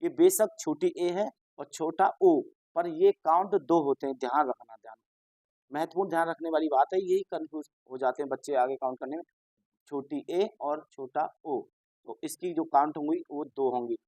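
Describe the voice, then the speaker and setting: A man teaches an exam-prep lesson at an unhurried, patient pace. He keeps repeating reminders and poses questions that he answers himself. The sound is dry, with no room echo. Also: on the high side, darkish tone.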